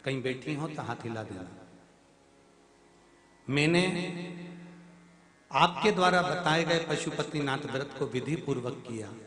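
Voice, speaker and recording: A man giving a devotional sermon to a crowd, swinging between loud exhortation and soft, confiding asides, and calling on the audience to answer. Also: mid-range voice, expressive, measured pace, pauses often. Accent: Hindi, central Indian. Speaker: religious storyteller. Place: large event venue. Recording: echoey hall sound.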